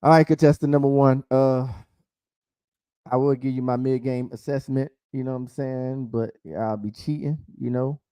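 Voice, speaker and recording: A man's voice: mid-range voice, steady tone, normal speed, warm tone, clean tone, dry recording. A man hosting an online dating show in a casual, informal way, often repeating his phrases. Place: online video call.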